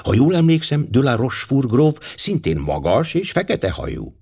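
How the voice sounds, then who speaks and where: A man reading an audiobook, voicing a fussy, shrewd older male detective with a precise, gently ironic manner. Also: mid-range voice, wildly swooping pitch, slightly rough, voice pushed up, full character voice. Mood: wry. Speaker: audiobook reader.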